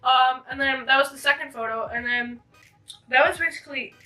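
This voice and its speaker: A woman's voice: high voice, a little fast, pushed and bright. A woman hosting her channel, telling a story in a casual, rambling way with many fillers and restarts. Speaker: channel host. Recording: distant mic with faint music.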